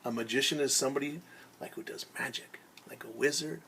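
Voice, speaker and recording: Playing a teacher for little kids, a man tells a theatrical story, pausing for simple word explanations and sound effects he acts out. His mid-range voice is husky and sharp-toned, with vocal fry.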